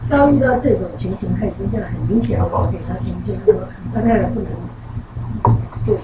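A woman in the audience asking a question quickly and softly, with a few hesitant restarts. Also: mid-range voice. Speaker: audience member. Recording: echoey room, far from mic, noisy.

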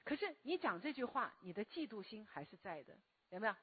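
A woman lecturing a class in a slow, deliberate way, often asking the listeners questions, her voice a bit hoarse from a recent cough. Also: medium pitch, big pitch swings, no echo, phone-quality sound. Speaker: lecturer and meditation teacher. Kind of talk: spoken self-help lecture to a live class.

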